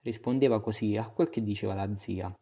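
A man narrating a literary novel in the first person, with a measured, expressive storytelling delivery. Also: fairly low pitch, breathy edge. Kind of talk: audiobook reading of a literary novel.

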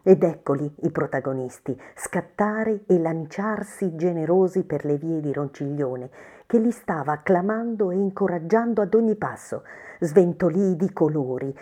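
A woman reads a story aloud in a measured, expressive way, her low voice dark and mellow, with a steady storybook narration style.

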